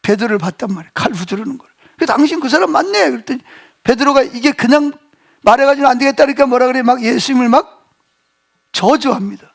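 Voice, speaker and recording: A male pastor preaching a sermon, telling the story with lively acted-out quotes and questions to the congregation. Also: extremely high pitch, fast. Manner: animated storytelling, acting out quoted speech, asking the congregation questions. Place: church sanctuary.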